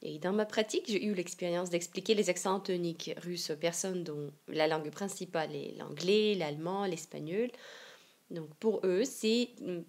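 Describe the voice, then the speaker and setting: A woman from Siberia with a Russian accent, teaching a language lesson online and explaining slowly and carefully. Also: lowish voice, darkish tone. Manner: slow, careful explanations with example readings.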